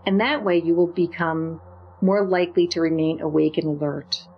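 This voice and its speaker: A woman leading a guided meditation with slow, soothing, gentle instructions. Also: on the low side, fairly even intonation, highs cut off, soft background music.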